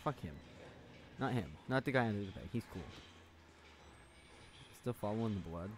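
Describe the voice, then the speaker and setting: A man's voice: lowish voice, expressive, moderate pace, a little hiss or hum. Jumpy, foul-mouthed man playing a horror game. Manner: swears a lot, talks to game characters; jumpy, yells when startled. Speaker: let's play host. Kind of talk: casual gameplay commentary.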